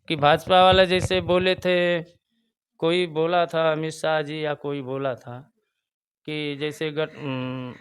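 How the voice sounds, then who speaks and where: Interviewed casually about politics, this booth president of a local party, from Chandauli in Uttar Pradesh, speaks earnestly with an eastern UP Bhojpuri-tinged Hindi accent. His fairly high voice is clear, resonant and rather bright, and he keeps circling back to his main points, pressing them harder each time.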